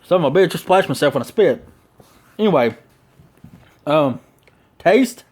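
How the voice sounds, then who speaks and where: A man's voice: fairly high pitch, expressive, a little slow, a little mellow, slightly rough. A man with a Southern US accent giving a casual, rambling, slangy review, talking around a lip packed full of dipping tobacco. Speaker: product reviewer.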